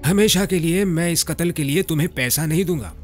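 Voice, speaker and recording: An actor dubbing a scheming, ruthless middle-aged political boss in a film, speaking in a cold, commanding, deliberate way. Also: male voice, a little high, soft background music, natural voice. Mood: coldly scheming. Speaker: villain. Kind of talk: Hindi film dub.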